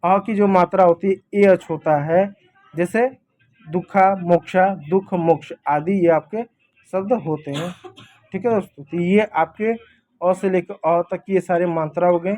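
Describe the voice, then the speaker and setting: A man's voice: sits high, moderate pace, a little mellow. A man teaching a simple lesson in a casual classroom manner, explaining step by step and checking in with "thik hai" often.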